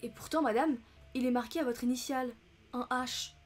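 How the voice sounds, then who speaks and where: A woman voicing a shrewd, polite male detective who questions calmly and insistently in an audiobook reading. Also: high voice, fairly quick, faint music behind.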